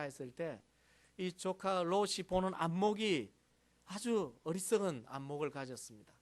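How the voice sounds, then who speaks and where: A male pastor delivering a sermon in a measured, explanatory way. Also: fairly high pitch, a bit bright.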